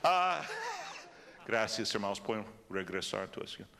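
Joking older male preacher, bright voice. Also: lowish voice, normal speed, creaky, big-room sound. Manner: joking, animated preaching with asides to the congregation. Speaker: pastor. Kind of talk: sermon.

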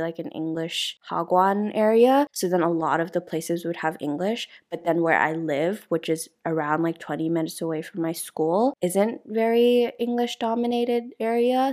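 A woman's voice: fairly low pitch, darkish tone. Chatty young woman telling stories. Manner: chatty storytelling with frequent laughs. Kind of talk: casual chat.

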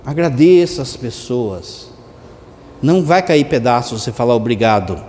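A priest giving a colloquial, lively Sunday homily, now and then mimicking his parishioners. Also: mid-range voice, normal speed, big-room sound, slight background noise. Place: church.

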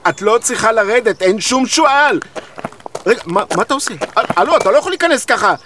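Brief: frazzled, stammering guesthouse keeper, high and lively voice, grumbling, noisy recording. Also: male voice. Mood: panicky. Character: flustered harried middle-aged man running a guesthouse. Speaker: guesthouse owner. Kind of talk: comedy radio play.

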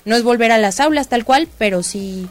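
A woman's voice: a little high, normal speed. A woman with a Mexican accent chatting casually in a playful, self-mocking way into a handheld microphone. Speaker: teacher. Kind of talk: casual chat.

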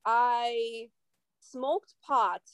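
A woman from Russia, a native Russian speaker, talks as a guest on a casual podcast. She speaks reflectively and pauses to search for words, in a slightly high voice. The sound is close and dry. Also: steady tone, dry recording.

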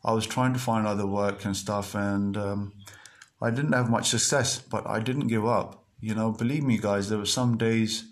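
A man with a somewhat low voice hosts his own podcast and talks straight to his listeners. He speaks earnestly and repeats himself, and his sentences are full of ums and restarts as he urges them on. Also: fairly even intonation, moderate pace. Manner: earnest, repetitive, many fillers and restarts. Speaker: podcast host. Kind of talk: motivational monologue.

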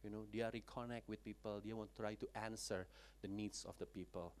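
A man preaching a sermon in a church. He tells casual stories, switches between languages, swings his pitch widely and bursts out loudly. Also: normal speed. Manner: animated, code-switching, with big pitch swings and loud outbursts.

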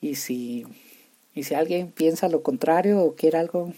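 Hosting his casual solo show, a young Chihuahua native with a northern Mexican accent keeps fumbling his words and beginning again. His dark-toned voice is a little high and measured in pace.

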